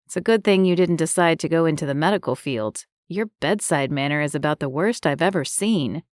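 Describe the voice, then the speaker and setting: Female narrator voicing a charming young man, teasing and easygoing, slightly low, dry booth. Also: animated, a little fast, dry recording.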